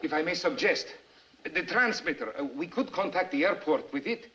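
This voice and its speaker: An actor playing a nervous, apologetic Soviet radio official in a 1950s film. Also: male voice, a little high, animated, moderate pace, fairly bright tone. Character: anxious Soviet radio official, middle-aged man. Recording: dull 1950s film soundtrack.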